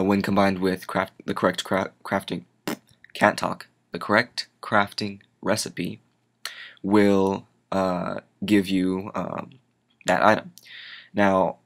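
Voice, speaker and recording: A man's voice: sits low, a bit bright. A tired young man giving casual gameplay commentary, rambling and drifting off on tangents. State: tired, yawning. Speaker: gaming channel host.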